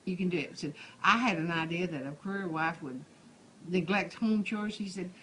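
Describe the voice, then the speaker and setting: A woman's voice: on the low side, normal speed, pushed and bright. An elderly woman with a Texas accent, a retired schoolteacher reminiscing in a rambling, conversational way with restarted phrases. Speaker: retired schoolteacher being interviewed. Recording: noisy room ambience.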